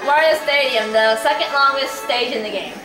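A young woman with a high-pitched voice, talking at normal speed, chats casually with a friend while they play a kart racing game. She hosts a let's play and comes across as talkative and a little self-deprecating. The room is echoey, and game music plays in the background.

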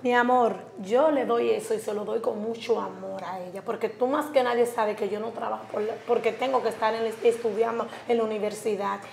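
Casting: actress as a pleading, defensive daughter, gravelly edge, roomy echo. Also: female voice, a little high, fairly even intonation, fairly quick, few pauses, a little mellow, slight background noise. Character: wounded student daughter defending her gift.

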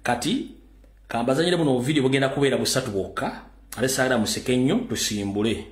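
A man's voice: mid-range voice, quick pace, reverberant. A middle-aged Ugandan man hosting a casual live commentary on video clips, recorded on a phone in a small room. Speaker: host. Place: small plain room indoors.

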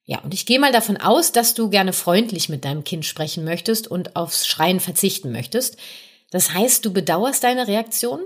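A woman hosting a podcast, gently explaining nonviolent communication to parents and addressing the listener directly with little tag questions. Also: mid-range voice, animated, moderate pace, breathy edge. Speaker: podcast host and communication coach. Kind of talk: podcast monologue giving parenting advice.

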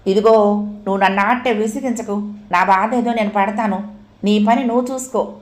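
A woman voicing a fussy, orthodox old male patient who complains loudly and easily gets upset. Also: medium pitch, fairly even intonation, normal speed, reverberant, natural voice. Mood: irritated. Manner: complaining, shouting.

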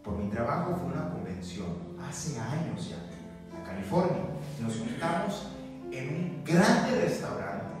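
A male pastor, preaching a sermon and telling stories in an animated way, mixing in English words. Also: medium pitch, unhurried. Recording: echoey church hall, distant mic, music behind.

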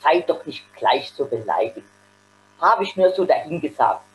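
A woman's voice: low voice, sing-song, moderate pace, a little hiss or hum, low-quality recording. A woman reading aloud voices a defensive, musing jobless man in a story.

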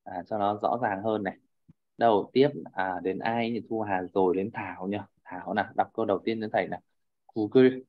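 During a video-call lecture, a man explains material to his class, often pausing to check on students and leaning on repeated fillers. He speaks briskly with a lowish voice and fairly even intonation, through dull audio.

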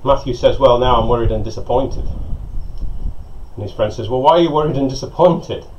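A middle-aged man, a pastor, preaching a sermon and telling stories in an animated way, recorded on a lapel mic outside on a porch. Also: mid-range voice, fairly quick, slight background noise. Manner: storytelling, animated, gesturing with hands. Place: covered porch outdoors by a lake. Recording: slightly dull sound with faint outdoor ambience.

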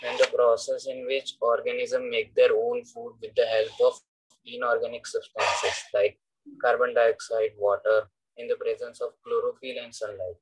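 A young man recites a class answer as a student. His voice is husky and of middling pitch. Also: moderate pace, poor audio. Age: teenager to young adult. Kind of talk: reciting a definition.

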